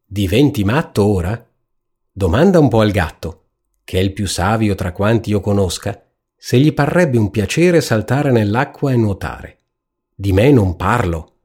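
A man's voice: on the low side, expressive, measured pace, darkish tone, husky. A man reading a storybook aloud, voicing a fussy, self-important hen who lectures in an ironic, preachy way. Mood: scolding.

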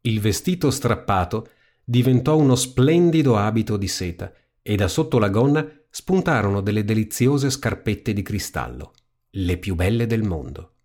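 A man reading a fairy tale aloud as storybook narration, in an expressive, lively manner. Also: fairly low pitch, moderate pace.

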